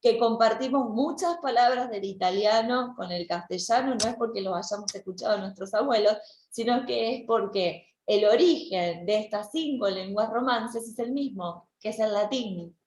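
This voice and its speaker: A woman's voice: fairly high pitch, moderate pace, a little mellow, reverberant, slight background noise. A woman, lecturing an online language class and explaining step by step with frequent restarts. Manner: explanatory, with many restarts and repeated words. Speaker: language teacher.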